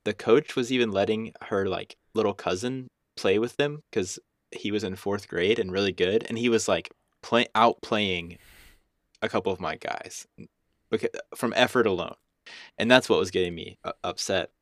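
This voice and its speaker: A man's voice: lowish voice, moderate pace, no echo, studio quality. A young man co-hosting a casual podcast, rambling and self-deprecating, with lots of restarts and fillers. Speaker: podcast co-host and youth basketball coach.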